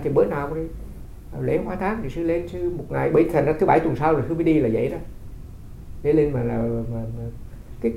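Fast-talking monk. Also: male voice, a little high, gravelly, dark tone. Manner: conversational storytelling with rhetorical questions. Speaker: Buddhist monk. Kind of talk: dharma talk. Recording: roomy, slightly dull recording.

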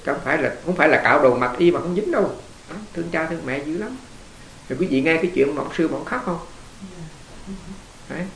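A man's voice: on the high side, animated, fast talker, vocal fry, long pauses, fairly bright tone. A man, a Buddhist monk giving a conversational dharma talk, telling stories and putting questions to his listeners. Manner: conversational, storytelling, asks the audience questions. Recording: echoey room with faint hiss.

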